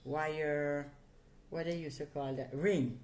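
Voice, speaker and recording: Low-voiced Jamaican older woman. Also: fairly even intonation, takes it slowly, a little mellow. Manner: explains step by step, laughs often. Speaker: interview guest, the host's mother. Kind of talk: casual chat.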